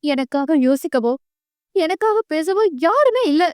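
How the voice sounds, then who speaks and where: A woman's voice: high voice, lively intonation, normal speed, dry recording, clean studio sound, pitched above the performer's own voice. A woman reading an audio novel voices a heartbroken young bride, speaking in a raised, strained voice that pleads and lashes out. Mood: bitter anger. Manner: pleading then angry, breaking voice.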